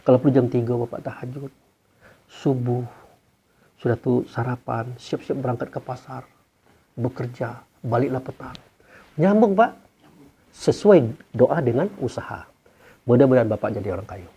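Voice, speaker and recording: A man preaching a sermon, often putting questions to the audience and swinging his pitch up for emphasis. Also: moderate pace, pauses often, mellow, slightly rough. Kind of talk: sermon to a gathering. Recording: dull lo-fi recording.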